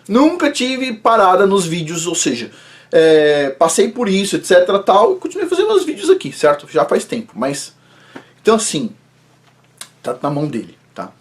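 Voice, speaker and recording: Animated Brazilian man giving testimony. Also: sits high, normal speed. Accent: Brazilian Portuguese. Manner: animated, often adds checking tags like "right?". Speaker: channel host telling a personal story. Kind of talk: personal religious testimony.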